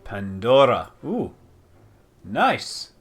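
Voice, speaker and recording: A streamer playing a space building game gives casual live commentary, rambling, thinking aloud and exclaiming over details. His husky mid-range voice swings hugely in pitch and he draws out his words.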